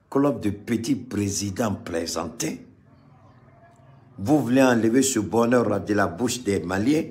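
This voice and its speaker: Slow, lively Malian man orating. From Mali. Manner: oratorical, repeats phrases for emphasis, swings between loud and low. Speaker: political commentator. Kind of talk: impassioned live-stream commentary.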